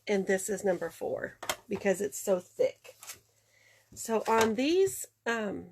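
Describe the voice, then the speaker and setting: Slow, chatty congested woman. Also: mid-range voice, animated, a little mellow, slight background noise. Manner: chatty, unhurried, talks through each step. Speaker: card-making demonstrator. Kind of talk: casual craft tutorial.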